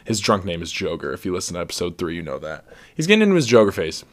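Young man, from Ohio, podcast host, casual storytelling, lowish voice, laughs a lot, many "like" fillers. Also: very fast. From Ohio, USA. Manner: lively, laughs often, heavy use of "like".

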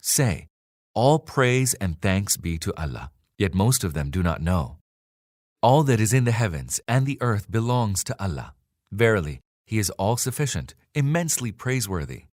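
A man reads a translated scripture in a measured, solemn delivery. His voice sits a little low. The recording is dry, with no room sound around him. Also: sing-song, darkish tone, no room sound. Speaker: scripture reader.

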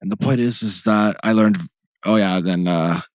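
A young man co-hosting a podcast, telling a rambling, animated story full of restarts and "like". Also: fairly low pitch, moderate pace, clean tone, no echo. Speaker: podcast co-host. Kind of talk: casual chat, storytelling.

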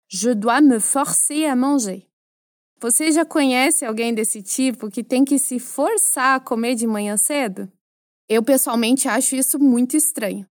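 A woman with a Brazilian Portuguese accent teaching a French lesson, explaining phrases clearly and asking the listener to repeat after her. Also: high-pitched, darkish tone, no room sound, clean studio sound.

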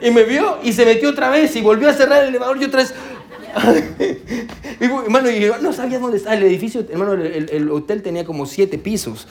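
A man's voice: extremely high pitch, fast. A male pastor preaching in church, telling a personal story with lots of "amén" and "hermano", and slipping English words into his speech. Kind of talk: sermon with personal anecdote.

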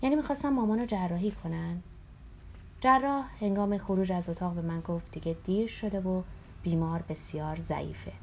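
A woman reads a memoir aloud in a calm, somber way, her voice sitting a little lower than most. At times she drops to a near whisper as she tells it. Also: a little hiss or hum. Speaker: narrator.

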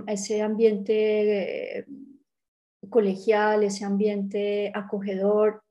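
A middle-aged woman from Colombia with a mellow, warm voice, reminiscing in a documentary interview. She speaks thoughtfully, pausing, hesitating and restarting her sentences as she gathers her thoughts. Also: mid-range voice. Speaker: art world interviewee.

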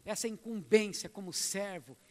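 A man preaching a sermon, emphatic, moving between loud exhortation and quiet asides. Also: sits high, animated, normal speed, in a large hall.

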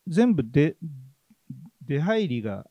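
A man chatting casually about theatre he has seen, relaxed and halting, with many fillers. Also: a little high, no echo, dull audio. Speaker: theatre reviewer guest. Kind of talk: casual chat.

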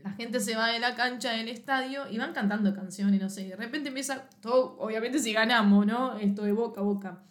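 A woman's voice: a little high, fairly even intonation, brisk. A woman with a Rioplatense Spanish accent, co-hosting a podcast in casual chat and often laughing through her words. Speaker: podcast co-host.

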